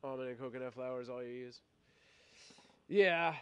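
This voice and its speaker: A man's voice: medium pitch, normal speed, clear, resonant tone, no echo. A middle-aged man hosting a casual live stream while fighting a cold, rambling with fillers and restarts. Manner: rambling, many fillers and restarts, laughs often. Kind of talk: casual live-stream chat, reading viewer comments.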